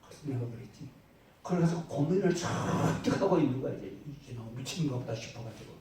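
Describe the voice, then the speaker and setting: Korean pastor preaching in an echoing church. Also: male voice, medium pitch, expressive, brisk, background noise. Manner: storytelling, swings between soft asides and loud emphatic bursts. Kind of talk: sermon. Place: church sanctuary. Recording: very echoey church hall, mic at a distance.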